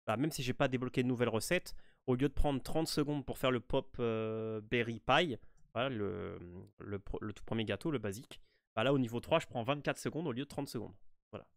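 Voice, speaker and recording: A man with a French accent talks through a game walkthrough in a loose, unhurried way, pausing often and restarting his sentences. His voice sits at a middle pitch. The sound is dry and close, with no room echo. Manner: relaxed, hesitant, many fillers and restarts. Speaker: gaming walkthrough host. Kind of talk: casual game walkthrough commentary.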